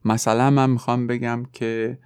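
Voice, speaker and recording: A man teaching a French lesson, explaining step by step and repeating French example sentences slowly. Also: medium pitch, little pitch movement, a little mellow, clear, resonant tone, no echo, studio quality. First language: Persian. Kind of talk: podcast language lesson.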